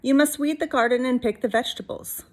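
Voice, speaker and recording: Woman voicing a firm old grandma witch, lifted pitch. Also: fast, lightly acted. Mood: firm, instructing. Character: old Italian grandma witch, stern and commanding.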